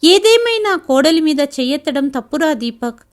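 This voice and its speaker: A woman reading the lines of a calm, conciliatory older father-in-law in a spoken family story, firm and reasoning. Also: sits high, normal speed. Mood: earnest.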